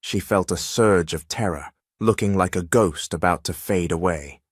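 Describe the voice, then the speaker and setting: Man, story narrator, very deep voice, measured, dry. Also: dry recording. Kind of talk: scripted dramatic story narration.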